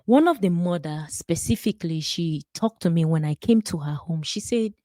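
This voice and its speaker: A woman's voice: lowish voice, lively intonation, moderate pace, warm tone, no echo. A woman in her thirties from Nigeria with a Nigerian accent, a nurse and minister giving an earnest testimony and preaching, repeating words for stress. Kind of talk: personal testimony and preaching to camera.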